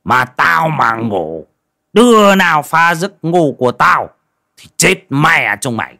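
A man's voice: on the high side, sing-song, slow, gravelly, sharp tone, pitched above the performer's own voice, exaggerated voice. A man voicing a surly old village shaman who drawls scornful insults, in a story reading. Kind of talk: storybook voice acting.

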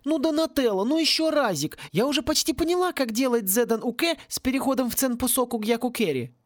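A man's voice: very animated, fairly quick, dry recording, studio quality. A man voicing an eager, tireless young witch girl who talks in a bubbly, pleading way. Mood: excited. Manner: bubbly, pleading, high-pitched.

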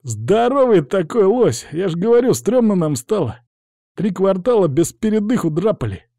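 A man's voice: big pitch swings, normal speed, mellow, dry recording, studio quality, exaggerated voice. A man voicing a cowardly young street thug who whines and pleads. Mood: nervous. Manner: whining, high-pitched, pleading.

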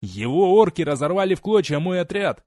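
A man voicing a condemned guard captain who shouts his last defiant words in an audiobook. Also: sits high, animated, brisk, no room sound, studio quality, pitched above the performer's own voice. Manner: desperate shouting.

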